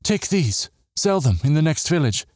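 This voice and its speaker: An urgent, practical young woman with a raised, earnest voice, read by a male storyteller. She presses her points with lively rises and falls, very close and dry. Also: a little high, normal speed, no room sound, voice pushed up.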